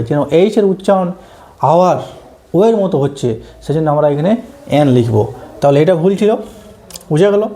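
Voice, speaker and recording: A male teacher walks students through English articles for an exam, pausing often to check they follow. His voice sits high for a man. The tone is soft and mellow rather than bright. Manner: explains step by step, often checks understanding. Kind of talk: exam-prep grammar lesson.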